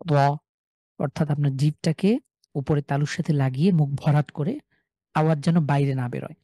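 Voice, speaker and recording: A man with a Bangladeshi Bengali accent teaching a live online recitation class. He is patient, drills words slowly and often checks in with the class. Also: a little high, mellow, no echo, studio quality.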